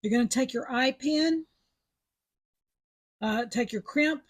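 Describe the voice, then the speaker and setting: Husky-voiced woman teaching beadwork. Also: sits high, slow. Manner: chatty, step-by-step instructions. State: sucking a mint after coughing. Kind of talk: casual craft tutorial.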